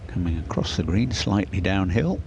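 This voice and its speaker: A man's voice: low voice, moderate pace, creaky, darkish tone, lo-fi sound, slight background noise. A man giving conversational golf commentary as an analyst, chatting appreciatively through each shot.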